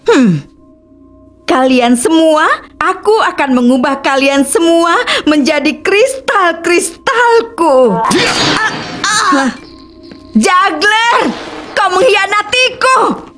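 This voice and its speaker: A woman dubbing a menacing, gloating villainess in a superhero film, with drawn-out theatrical threats. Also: extremely high pitch, sing-song, music in the background, heavily acted. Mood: betrayed fury. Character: sinister villainess who turns people into crystals, menacing and gloating. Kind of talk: dubbed superhero film acting.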